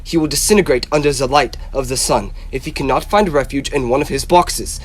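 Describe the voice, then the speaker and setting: A man's voice: mid-range voice, a little fast, natural voice. A young man in a radio drama playing a grave, insistent professor who hunts vampires, speaking in an emphatic, solemn, theatrical way. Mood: solemn, rousing. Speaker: actor in a school radio drama.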